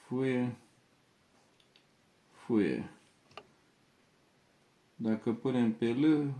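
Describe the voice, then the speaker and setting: A man teaching a shorthand lesson, spelling out and repeating each syllable several times in a slow, dictating way. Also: mid-range voice, dark tone, roomy sound.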